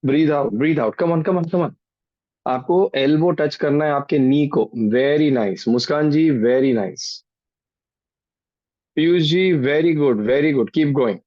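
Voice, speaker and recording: On a group video call, the same kind of exercise class unfolds: an Indian-accented man leads the workout in a blend of Hindi and English, repeating brief commands and counting. He speaks slowly, his pitch a little high, and the sound comes through dull and roomy.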